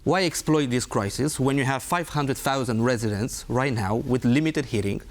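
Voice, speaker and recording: A man's voice: medium pitch, normal speed. Emphatic male guest. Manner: emphatic, pointed, rhetorical questions. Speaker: guest, former diplomat. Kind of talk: interview answers.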